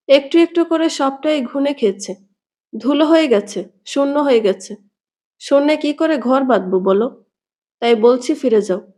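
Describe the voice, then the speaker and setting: Woman reading as a hurt young woman, calm, firm, wounded, high voice, storybook. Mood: resolute. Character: hurt, resolute young woman ending a romance.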